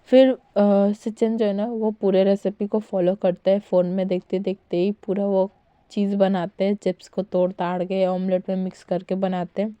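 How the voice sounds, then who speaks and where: Mellow-voiced woman retelling a story. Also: medium pitch, little pitch movement, moderate pace, smooth, no echo, dull audio. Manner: chatty, filler-laden retelling. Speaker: fan-fiction narrator. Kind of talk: casual storytelling narration.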